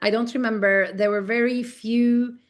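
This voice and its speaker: A woman in her forties, born in Kuwait, telling her life story as a podcast guest in an earnest, reflective way, often pausing and restarting. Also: on the high side, steady tone. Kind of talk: personal storytelling in an interview.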